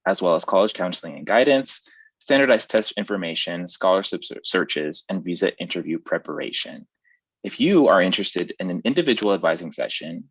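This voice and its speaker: Deep-voiced young man hosting a live stream. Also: a bit bright, slightly rough, no room sound, rough recording. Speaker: host.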